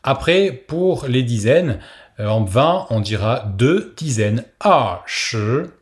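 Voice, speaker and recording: A man's voice: medium pitch, animated, slow, darkish tone. A man teaching a recorded language lesson, explaining patiently and modeling pronunciations for the listener to repeat.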